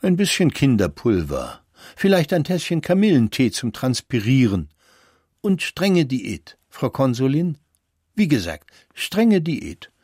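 A man voicing a kind young doctor in a storybook reading, speaking in a slow, pedantic official tone. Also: mid-range voice, wildly swooping pitch, darkish tone, slightly rough, dry recording, clean studio sound, full character voice. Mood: soothing.

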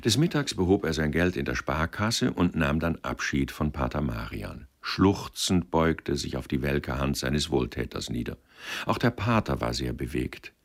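Male audiobook narrator, extremely low, creaky, lively inflection. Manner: measured, expressive. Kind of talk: audiobook reading of literary fiction.

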